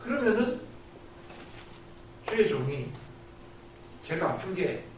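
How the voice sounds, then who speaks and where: A man's voice: high-pitched, very animated, slow pace, a little hiss or hum. A man preaching a sermon as a missionary, giving an earnest testimony and asking the congregation rhetorical questions. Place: church sanctuary. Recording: very echoey church hall, distant.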